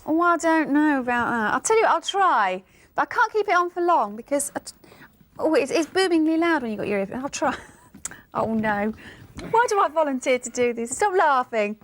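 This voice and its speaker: A woman's voice: high voice, sing-song, normal speed, fairly bright tone, a little hiss or hum. A woman presenting on a shopping channel, chatty and giggly as she reads out item numbers and prices. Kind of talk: live sales presentation. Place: TV studio.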